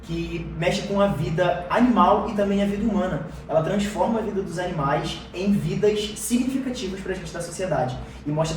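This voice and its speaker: A man's voice: high voice, slight background noise. A man hosting a casual podcast interview, enthusiastic and a little stumbling as he introduces his guest. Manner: enthusiastic, slow-paced, stumbling. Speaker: podcast host. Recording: echoey room, distant mic.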